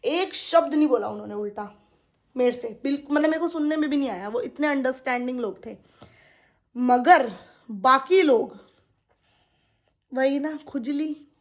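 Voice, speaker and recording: A woman's voice: high voice, normal speed, pauses often. A young woman venting to her viewers in a casual monologue. She sounds indignant, repeats herself and speaks to them directly. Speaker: vlogger.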